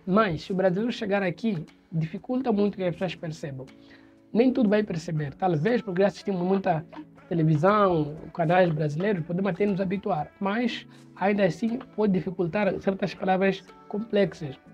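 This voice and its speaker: A man's voice: high voice, fairly quick, a little mellow, lo-fi sound, faint music behind. A man from Mozambique with a Mozambican Portuguese accent, giving opinion commentary on his channel in an explanatory way. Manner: explanatory, imitates accents in quoted examples.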